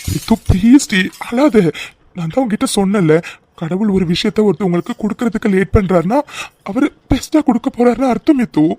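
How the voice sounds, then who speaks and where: A man voicing a caring young husband in a cartoon, gently pleading with his wife to stop crying. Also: on the high side, brisk, breathy edge. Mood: soothing. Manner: soothing, pleading. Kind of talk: cartoon voice acting.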